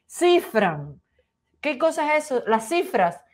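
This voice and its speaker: A Cuban woman co-hosts a casual chat show. She laughs easily and reads viewer comments aloud in a fairly high voice. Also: animated, moderate pace. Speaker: co-host.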